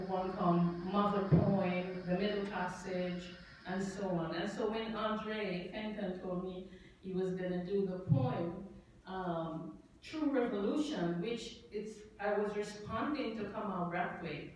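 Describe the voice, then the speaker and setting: A middle-aged woman with a Jamaican accent speaks slowly and reflectively, pausing and restarting her thoughts. She sounds far from the microphone, caught in a very echoey event hall with a faint murmur of room noise behind her. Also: medium pitch, darkish tone. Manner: reflective, halting, with many fillers and restarts. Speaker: poet speaking at a tribute event. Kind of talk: unscripted remarks before a reading.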